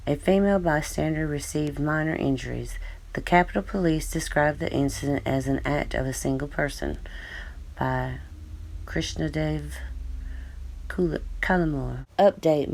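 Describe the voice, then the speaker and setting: Deep-voiced lady reading news stories out loud, sarcastic side remarks, lots of fry. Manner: skeptical, sardonic asides between read passages. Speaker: commentator. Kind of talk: reading news articles aloud with commentary.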